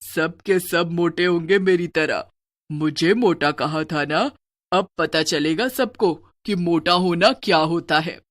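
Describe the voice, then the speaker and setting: A woman voicing a fat, spiteful female witch in a cartoon who sells burgers, calling out loudly and gloating with a cackle. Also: lowish voice, slow pace. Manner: loud hawker's calls, cackling, spiteful gloating. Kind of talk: cartoon voice acting.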